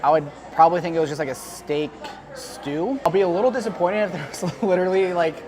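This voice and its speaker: A man casually reviewing food like a vlogger, giving measured, slightly halting judgments in an informal way. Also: high voice. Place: outdoors at a theme park. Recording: outdoor vlog amid crowd noise. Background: crowd noise.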